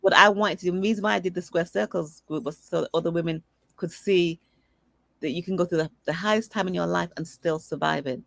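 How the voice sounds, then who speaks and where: Woman, middle-aged, interview guest, animated storytelling, slight fry, close dry sound. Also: lowish voice, fairly quick, no echo. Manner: animated storyteller who acts out dialogue. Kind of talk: conversational storytelling.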